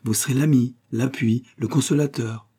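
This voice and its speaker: Brief: male reader doing a gentle courtly lady, raised husky voice, audiobook. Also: mid-range voice, fairly even intonation, normal speed, pitched above the performer's own voice, close to an everyday voice. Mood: tender. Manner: soft, earnest courtly speech. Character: young noble lady, gentle and wistful. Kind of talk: audiobook character voice.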